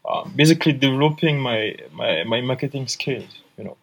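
A man in his twenties with an Ivorian accent, introducing himself casually in a halting way, often repeating words. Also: medium pitch, poor audio. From Ivory Coast. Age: 20s. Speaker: podcast team member, marketer.

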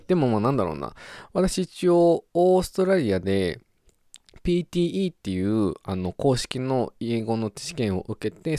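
Here the solo podcast host, a young man from Japan, has a fairly low pitch and jokes around with silly sound words and wordplay. The studio-quality recording has no echo.

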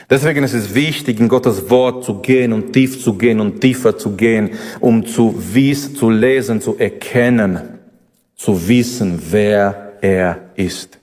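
A man preaching a sermon, emphatic and repetitive, his pitch rising and dropping from line to line. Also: a little mellow, long reverb tail.

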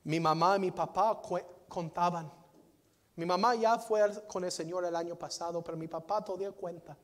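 High-voiced preacher in a reverberant hall. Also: male voice, fairly even intonation, moderate pace. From United States. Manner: dynamic preaching, swings from soft to loud, repeats phrases. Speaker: pastor. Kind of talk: sermon. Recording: long reverb of a large hall.

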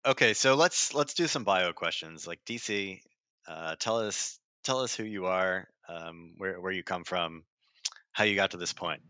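Deep-voiced man hosting a podcast. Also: measured pace, no echo. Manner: relaxed, chatty questioning. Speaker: podcast host. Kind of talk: casual podcast interview.

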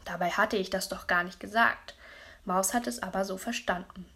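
A woman reading a children's story aloud in a lively, childlike first-person voice. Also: mid-range voice, moderate pace, slightly rough. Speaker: audiobook reader. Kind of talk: storybook narration.

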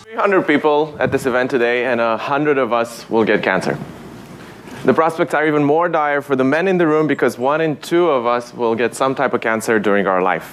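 A man from Romania speaks in English, pitching his company from a stage. He talks in a relaxed, conversational way, with fillers and dry humor at a middle pitch. A faint hiss sits under the recording. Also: brisk. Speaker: startup founder.

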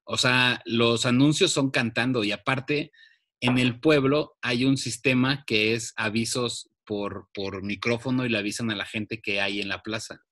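A man with a Mexican accent co-hosting a casual chat show, laid-back and slangy, with animated bursts. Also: medium pitch, measured pace. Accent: Mexican Spanish. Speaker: podcast co-host.

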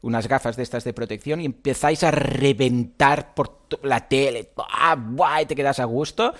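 A man hosting a live podcast chat, animated and prone to loud playful outbursts. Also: mid-range voice, moderate pace. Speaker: podcast host.

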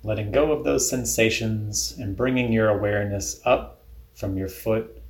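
Calmly and deliberately, a fairly low-pitched man gives instructions for a guided body scan meditation, recorded with a roomy sound.

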